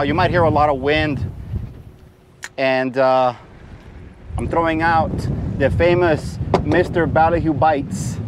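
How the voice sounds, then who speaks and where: Guy vlogging from his boat, kinda high voice, wind blowing loud on a body cam, hollers when he hooks one. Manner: excited hollering when fish bite. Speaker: fishing vlogger. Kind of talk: casual fishing vlog narration. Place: small boat out on open bay water. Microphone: action camera worn on the body. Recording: outdoor camera audio with wind noise. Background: wind and water.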